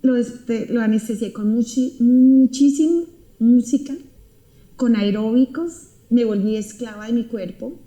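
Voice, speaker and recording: Unhurried and mellow, a woman with a slightly high voice delivers an emotional personal testimony, speaking earnestly and intensely and repeating her words. A roomy echo surrounds the recording.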